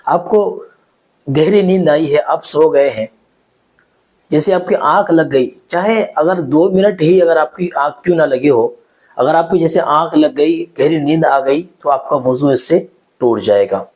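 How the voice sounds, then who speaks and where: A man with a somewhat high, mellow voice teaches religious rules in a numbered list. He speaks to the viewer directly and repeats each point in simpler words. His delivery is steady and instructive. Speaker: Islamic teacher.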